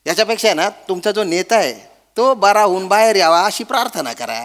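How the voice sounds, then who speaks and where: A man performing a stage comedy sketch, scolding and shouting at the others. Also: high-pitched, animated, brisk, long reverb tail.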